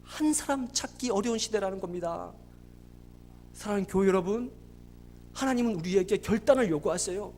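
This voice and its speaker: A woman preacher giving a Sunday sermon in a church, telling a story dramatically and swinging between hushed and loud passages. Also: medium pitch, animated, fairly quick, pauses often, slight background noise. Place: church sanctuary.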